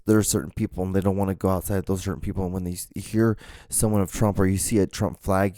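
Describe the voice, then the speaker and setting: A man with a fairly low, mellow voice hosts his own show in a casual, emphatic monologue. He talks in halting bursts, full of fillers and restarts. The recording is dry and close. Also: no room sound. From Honduras. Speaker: podcast host.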